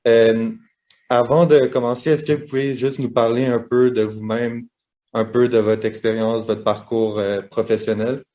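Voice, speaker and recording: A young man, hosting a student podcast interview in a relaxed way with fillers. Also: medium pitch, moderate pace.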